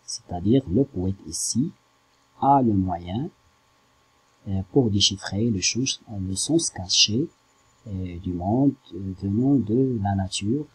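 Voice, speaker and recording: Un homme, professeur de littérature, qui explique un poème lentement et en hésitant, en découpant les syllabes. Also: male voice, lowish voice, breathy edge, rough recording. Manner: slow, hesitant, spells out syllables. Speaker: French literature teacher. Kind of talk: slow classroom explanation.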